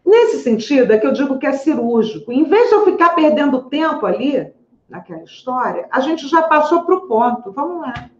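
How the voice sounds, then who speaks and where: A woman psychologist talking to camera in her office, animated and chatty, often tagging on questions. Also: high voice, moderate pace. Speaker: psychologist, channel host. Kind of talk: casual educational talk to camera. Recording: echoey room, slightly dull audio.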